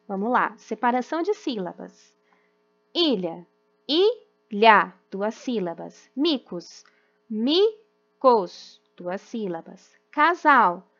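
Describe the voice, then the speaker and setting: A woman's voice: mid-range voice, fairly bright tone, highs cut off. A young woman teacher with a Brazilian Portuguese accent, patiently explaining a lesson to children and often checking "tá?". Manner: patient, explains slowly, ends phrases with "tá?". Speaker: primary school teacher. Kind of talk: remote class lesson.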